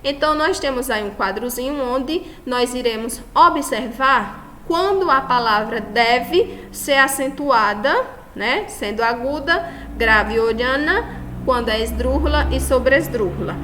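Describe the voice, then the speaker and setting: A woman's voice: on the high side, slight background noise. A Brazilian woman, a Spanish teacher, giving a recorded lesson, checking in with her students and stressing each example word. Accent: Brazilian Portuguese. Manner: affectionate, checks in often with the class; stresses example words loudly.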